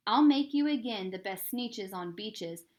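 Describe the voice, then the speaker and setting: A woman voicing a slick, upbeat male travelling salesman from a storybook, sly and greedy, with clear, keen sales patter. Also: mid-range voice, expressive, unhurried, a little mellow, close to an everyday voice. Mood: sly, coaxing. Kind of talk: storybook character voice.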